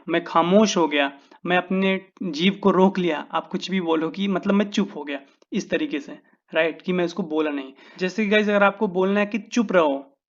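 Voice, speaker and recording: A man with an Indian accent gives a casual English lesson in a fairly high voice, speaking slowly and stretching out each example sentence. He keeps addressing his viewers as "guys". The audio is a little dull and lo-fi. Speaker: English teacher.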